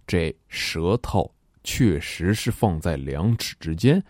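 A man with a deep, dark voice gives a pronunciation lesson, sounding out each example slowly. His pitch swings widely as he jokes. The recording is dry and close. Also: expressive, dry recording. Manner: joking, demonstrates sounds slowly and deliberately. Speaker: English pronunciation teacher.

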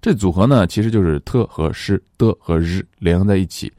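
A man whose first language is Chinese, teaching English pronunciation and reading each word slowly twice for his students to repeat. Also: deep voice, dark tone, dry recording, studio quality. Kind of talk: language lesson, reading words slowly for repetition.

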